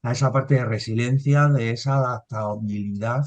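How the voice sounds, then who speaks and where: A man's voice: medium pitch, steady tone, normal speed, darkish tone, lo-fi sound. Hesitant man hosting a podcast. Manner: hesitant, with many fillers and restarts. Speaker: podcast host. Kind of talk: hosting a business videopodcast.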